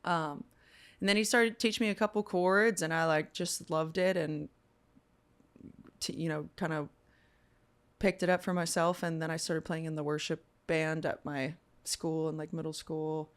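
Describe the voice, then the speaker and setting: A woman's voice: low voice, normal speed, clear, resonant tone. Chatty young woman telling her story. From Virginia. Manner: relaxed, chatty, giggly. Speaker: guest musician. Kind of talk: casual interview storytelling.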